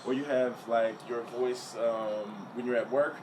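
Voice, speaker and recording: A man's voice: medium pitch, steady tone, a little slow. A young adult man doing a profane, conversational stand-up comedy set on stage. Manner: profane, conversational, punchline-driven. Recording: distant, noisy stage recording.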